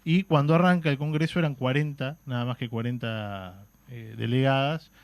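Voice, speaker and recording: A Uruguayan man of middle pitch talking on a studio radio show, explaining at length. He pauses a lot on small fillers and restarts his sentences. The sound is close and dry. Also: no echo, muffled recording. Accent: Uruguayan Spanish. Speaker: radio guest explaining history. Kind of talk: radio talk show chat. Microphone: studio microphone.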